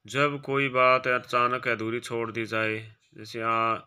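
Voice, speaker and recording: Brief: male teacher, very bright and crisp, reads quiz options aloud, then quietly marks each right or wrong. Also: completely flat delivery, takes it slowly. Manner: drops quieter and lower for short asides. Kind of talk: exam-prep grammar lesson.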